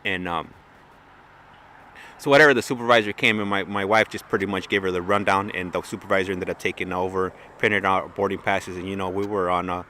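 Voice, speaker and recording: A man's voice: sits low, fairly even intonation, brisk, sharp tone, a little hiss or hum. A man telling a long story in a loose, chatty way, full of fillers and restarts, as host of his own livestream. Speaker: plane-spotting livestream host. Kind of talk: casual rambling storytelling.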